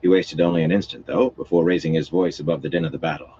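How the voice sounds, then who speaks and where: A man reading a fantasy novel aloud in a steady, expressive storytelling manner. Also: a bass voice, fast, lo-fi sound, a little hiss or hum. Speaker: audiobook reader.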